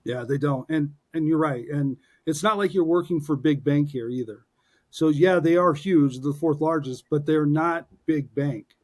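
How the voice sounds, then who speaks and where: Joking around with his co-host, a man in his forties chats casually and cheerfully on a podcast, his speech dotted with fillers and restarts. His pitch is fairly high, his tone darkish, and he talks at a normal speed.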